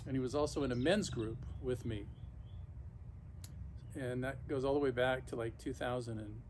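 Halting middle-aged man talking casually outdoors. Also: medium pitch, darkish tone. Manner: halting, reflective, with pauses mid-sentence. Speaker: vlogger. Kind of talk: casual unscripted monologue to camera. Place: backyard patio outdoors, sitting in an ice bath. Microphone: camera or phone a few feet away. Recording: outdoor noise, camera some feet away. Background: clear outdoor ambient noise.

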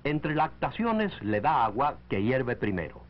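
Heard on a dull, lo-fi 1940s film soundtrack, a male educational narrator speaks in a mid-range voice full of lively pitch movement. His reading of the scripted text is measured and instructive.

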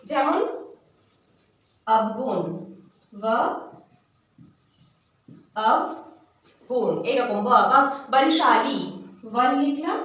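A high-pitched woman teacher who walks her students patiently through each letter and sound. She sounds set back from the mic, and her voice rings in a very echoey room. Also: a bit bright, distant mic. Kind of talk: basic language lesson.

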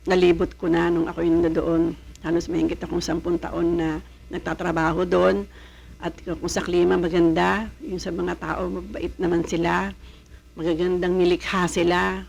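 A woman's voice: fairly low pitch, vocal fry. A woman from the Philippines who worked abroad, giving casual advice in a rambling way and often searching for words.

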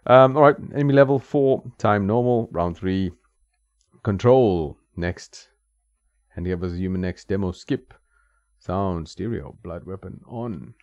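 A man with a low, slightly mellow voice streams retro games from his home setup, talking unhurriedly into a desk mic. The lo-fi recording has no room sound, and his casual commentary wanders as he thinks aloud with lots of ums and small laughs.

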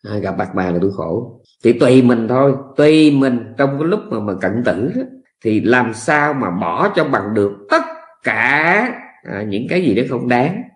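A man with a Southern Vietnamese accent giving a Buddhist dharma talk as a monk, speaking in a folksy way with lots of repetition and drawn-out phrases. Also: medium pitch, big pitch swings.

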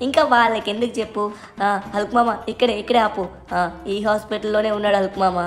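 A woman voicing an excitable, cheeky little boy in a fan dub of game footage. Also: mid-range voice, quick pace, lightly acted. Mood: chatty. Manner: chattering, excited.

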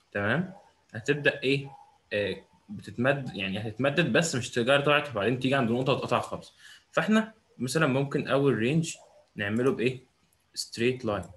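A young physics teacher with an Egyptian Arabic accent lectures a class in a medium-pitched, fairly bright voice. He frequently poses rhetorical questions and then answers them himself.

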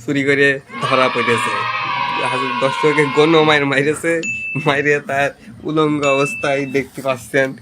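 A man's voice: medium pitch, little pitch movement, normal speed, background noise, natural voice. A man with a western Bangladeshi accent from the Chuadanga area playing an earnest field reporter in a parody newscast. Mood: mock-earnest. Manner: parody news reporter delivery, mock-earnest. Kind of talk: parody live news report.

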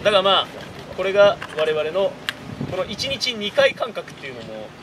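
A man's voice: sits high, very animated, moderate pace, recorded from a distance. A man bantering casually in old-fashioned, emphatic Japanese warlord speech, as a costumed performer outdoors. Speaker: costumed samurai performer, host. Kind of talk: casual banter in archaic samurai-lord Japanese. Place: outdoors in a park under a large tree. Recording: noisy outdoor park, crowd and ambience.

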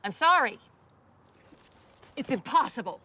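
An actress playing a no-nonsense florist in a film comedy, firm and affronted. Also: female voice, sits high, very animated, unhurried, very noisy. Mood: indignant, refusing. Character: indignant, no-nonsense female florist. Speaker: film actor.

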